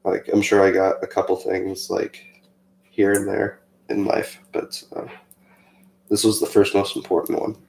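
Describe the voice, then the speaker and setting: A young man telling a personal story in a casual, chatty way, rambling with fillers and turning animated when he quotes himself. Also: sits low, unhurried, gravelly, slight background noise. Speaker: co-host of a faith channel. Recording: echoey room.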